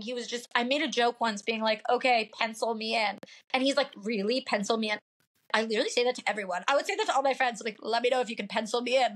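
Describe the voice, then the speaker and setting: This is a podcast guest in her late twenties from the Pacific Northwest, her nasal voice fairly high and a bit bright. She chats casually and upfront, with plenty of fillers.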